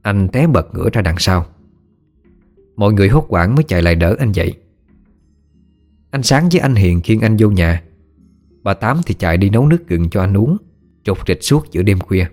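A man's voice: fairly low pitch, expressive, moderate pace, pauses often, a little mellow, faint music behind. A man narrating a ghost story in a folksy storytelling manner.

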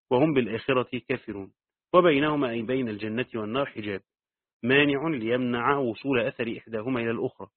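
A man with an Egyptian accent teaching Quran commentary. He reads the text aloud and then adds quick asides in colloquial dialect. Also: medium pitch, no echo. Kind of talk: reading and explaining a tafsir text. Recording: dry, phone-like narrow sound.

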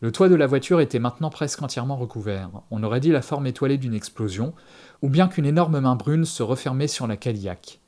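A man reading a story aloud in the first person, with measured, steady audiobook narration. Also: mid-range voice.

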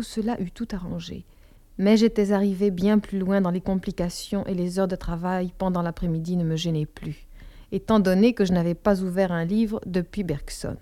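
A woman narrating a novel in an audiobook, measured and intimate, sometimes dropping to a whisper. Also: medium pitch, dark tone. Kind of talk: scripted narration.

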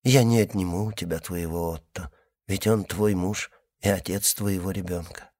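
A man voicing a gentle, saddened young woman who speaks softly and tenderly. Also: low voice, steady tone, normal speed. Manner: soft, tender, hushed. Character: young woman, gentle, sad, calm comforter.

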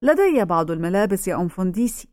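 A woman voicing a frightened teenage girl who speaks in a higher, nervous, hesitant way. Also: very animated, quick pace, a little mellow, dry recording, studio quality, lightly acted. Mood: earnest.

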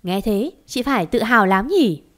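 Shrill bossy old mother-in-law, scolding, voiced by a woman narrator. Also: lively intonation, moderate pace, natural voice. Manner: scolding, shrieking.

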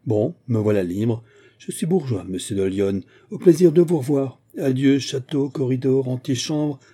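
A man reads a proud, hot-tempered aging musketeer captain in an audiobook. His retorts come sharp and indignant, in a very dark, husky voice. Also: mid-range voice, moderate pace, close to an everyday voice. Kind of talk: audiobook reading.

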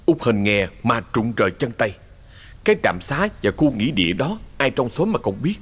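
Brief: male ghost-story narrator, husky, animated delivery. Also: medium pitch, normal speed. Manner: expressive storyteller.

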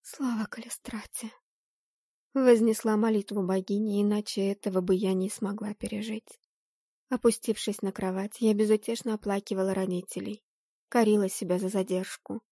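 A woman narrating a fantasy audiobook in the first person, with expressive, steady storytelling. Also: medium pitch, brisk, no echo, studio quality.

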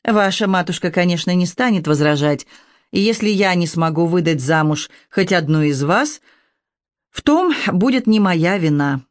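A reader narrating an audiobook in a steady, measured way. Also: mid-range voice, no echo, clean studio sound.

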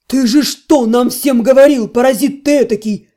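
A hot-tempered blond male mage bellows gruff accusations, as a woman reading a fantasy audiobook drops her voice for him. His voice is dark and mellow, pitched lower than the narrator's own. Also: normal speed, lightly acted. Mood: enraged.

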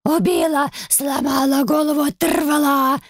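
A woman's voice: high-pitched, flat delivery, moderate pace, dry recording, studio quality, pitched above the performer's own voice. A woman voicing a cranky old talking door handle with a wolf's head, whiny and indignant, in an audiobook. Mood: shrieking. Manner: whiny, indignant, shouting and bargaining. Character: cranky ancient talking door handle, wolf-headed, male. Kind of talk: audiobook character voice.

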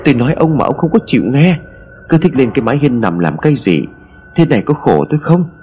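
A man's voice: on the low side, sing-song, fairly quick, a little mellow, slightly rough, soft background music. A man doing a fretful old village wife. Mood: wailing. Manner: scolding, fretful.

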